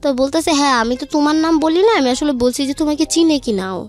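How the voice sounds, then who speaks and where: This young woman's voice is high-pitched and fast, with a Bangladeshi accent, and music plays underneath. She recounts her own life as a guest, relaying each exchange of who said what in casual, conversational terms.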